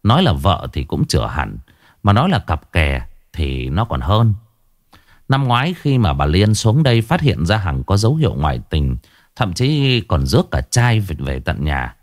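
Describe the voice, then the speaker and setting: A man narrating a ghost story in an expressive storytelling way. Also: deep voice, moderate pace, dry recording, studio quality.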